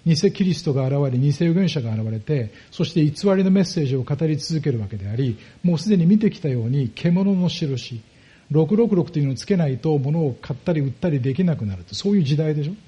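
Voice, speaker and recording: Man preaching, dark mellow voice. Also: a little high, lively intonation, fairly quick, muffled recording. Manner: explains step by step, asks the congregation rhetorical questions. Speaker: pastor. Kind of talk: sermon.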